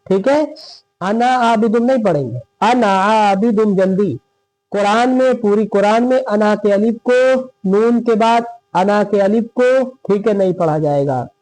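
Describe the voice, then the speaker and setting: A man with a high but mellow voice teaches Quran reading step by step. He drags out each example word slowly and keeps asking if it is clear. The sound is dry and close, with no room echo. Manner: drawn-out demonstration of words, frequent checking "theek hai". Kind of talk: slow step-by-step recitation lesson.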